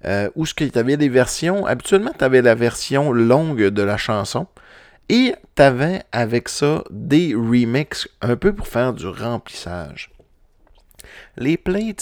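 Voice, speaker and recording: A middle-aged podcast host with a Québécois French accent and a medium-pitched voice chats casually about vinyl records. He rambles, with lots of fillers and restarts, and the studio-quality recording has no room sound.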